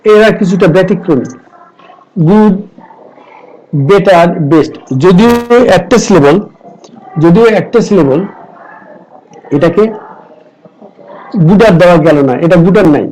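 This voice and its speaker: Slow-spoken Bengali-accented English teacher. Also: male voice, high-pitched, a little mellow, low-quality recording. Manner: slow, deliberate, repeats word lists. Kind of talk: online grammar lesson.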